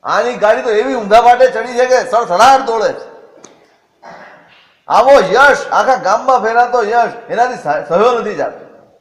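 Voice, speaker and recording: A man's voice: very high voice, a little slow. A man telling a religious story as a sermon, asking questions and answering them himself. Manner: expressive, asks and answers his own questions. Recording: echoey hall.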